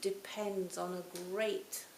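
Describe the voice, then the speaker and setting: A woman in her sixties giving a reflective Buddhist talk to a retreat audience, her phrases often trailing off softly. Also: lowish voice, level tone, takes it slowly. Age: 60s. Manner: reflective, warm storytelling with soft trailing phrase ends. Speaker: Buddhist teacher. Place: retreat hall. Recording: roomy hall, faint hiss.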